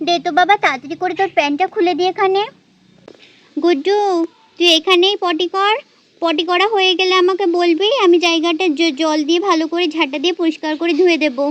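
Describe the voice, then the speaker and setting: A woman voicing a bustling village mother doll who scolds and dotes on her children, talking fast and nagging. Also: extremely high pitch, steady tone, a bit bright. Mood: fussing. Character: fussy village mother, scolding yet doting. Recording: dull lo-fi sound.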